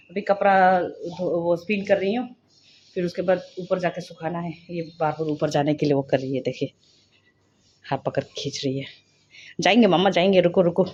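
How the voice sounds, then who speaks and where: Chatty young mom, lo-fi phone audio. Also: female voice, fairly low pitch, steady tone, normal speed, darkish tone. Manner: chatty, mixing Hindi with English phrases. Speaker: stay-at-home mom vlogger. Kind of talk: casual vlog narration. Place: home, moving between rooms. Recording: dull lo-fi phone audio with clear household noise.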